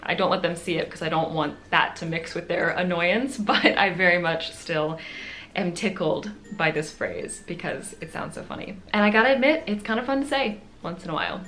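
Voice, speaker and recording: A woman's voice: lowish voice, animated, moderate pace, a bit bright, a little hiss or hum. An American woman vlogger chatting to camera, laughing often and poking fun at herself. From United States. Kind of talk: casual chat to camera.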